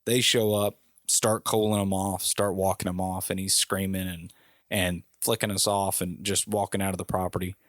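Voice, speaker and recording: A man's voice: low-pitched, normal speed, no echo, studio quality. A man co-hosting a podcast, telling a story in casual chat and acting out the people in it with a raised voice. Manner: animated storyteller, raising his voice when quoting people. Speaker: podcast co-host.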